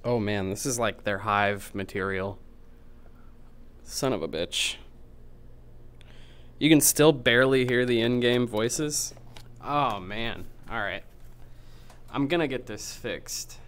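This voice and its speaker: A man's voice: medium pitch, a little slow, a bit bright, smooth. A young man streaming a VR game, chatting casually and swearing with his viewers over a headset mic. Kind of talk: casual live-stream chat.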